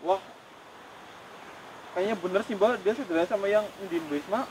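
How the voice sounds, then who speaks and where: A man's voice: sits high, a little fast, darkish tone, a little hiss or hum, poor audio. A man co-hosting a ghost-hunting vlog, talking in an uneasy way and repeating prayers. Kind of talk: live paranormal investigation vlog.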